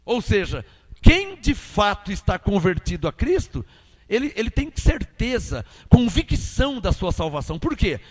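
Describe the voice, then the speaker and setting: A man preaching an emphatic sermon with a Brazilian Portuguese accent, asking rhetorical questions and swinging between loud and quiet. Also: high voice, big pitch swings, normal speed, in a large hall.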